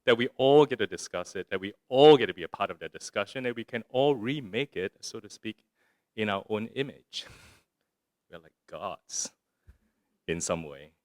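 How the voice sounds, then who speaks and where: A man's voice: fairly low pitch, expressive, moderate pace, no room sound, clean studio sound. A man from Singapore, giving a musing, conversational talk on poetry that includes a reading, and often asking his audience a rhetorical "right?". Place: arts center lecture room.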